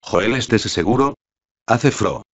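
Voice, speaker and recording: This is a shy, quiet man, read out by a man who does no real voice for him. The delivery is low and flat, like a script being read aloud. The recording is muffled and lo-fi. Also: slow, slightly rough, no echo, exaggerated voice.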